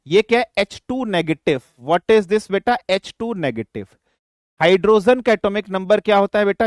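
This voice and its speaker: A man's voice: high voice, darkish tone, dry recording. An older man teaching a physics class online, repeating questions to his students, with a dry throat. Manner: addresses students as beta, repeats questions, mixes Hindi and English.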